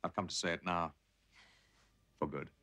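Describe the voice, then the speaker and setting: A man's voice: low voice, fairly even intonation, moderate pace, pushed and bright. An actor playing a cool, curt, defiant man in a television soap drama. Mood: cold, defiant. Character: cold, defiant, controlled man rejecting a blackmailing lover.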